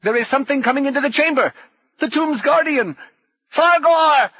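A man voicing a panicky young male thief, shouting warnings in a frantic, high-pitched voice. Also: moderate pace, no echo, lo-fi sound. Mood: alarmed shouting.

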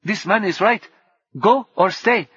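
A man voicing a small monkey that speaks in a calm, firm, decisive manner. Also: sits high, a little slow, husky, no room sound, voice pushed up, full character voice. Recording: dull dry studio recording.

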